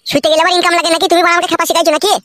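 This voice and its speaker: A woman's voice: very high voice, flat delivery, rapid-fire, fairly bright tone, pitched below the performer's own voice. A woman doing a crude, stubborn village husband. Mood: defiant. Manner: foul-mouthed, defiant. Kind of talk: comedy cartoon voice acting. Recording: noisy recording.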